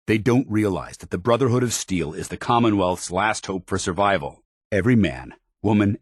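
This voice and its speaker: Paladin Danse, very deep stern soldier. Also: male voice, husky, no room sound, clean studio sound. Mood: solemn, resolute. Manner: formal, clipped, authoritative soldierly delivery. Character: stern, dutiful military paladin in a post-apocalyptic wasteland. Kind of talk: video game companion dialogue.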